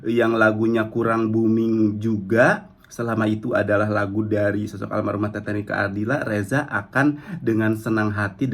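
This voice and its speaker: A young man giving casual reaction commentary on a cover song, rambling and full of fillers as he praises the singer. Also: on the low side. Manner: rambling, frequent "eh" fillers and "gitu" tags, enthusiastic praise. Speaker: music reaction vlogger.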